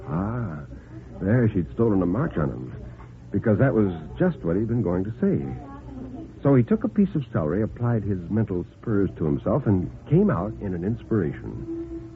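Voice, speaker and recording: An American man with a lowish, very animated voice narrates a scripted horror story at normal speed, performing every part in the manner of a 1950s radio drama. The vintage radio recording has a phone-like band, with music playing behind him.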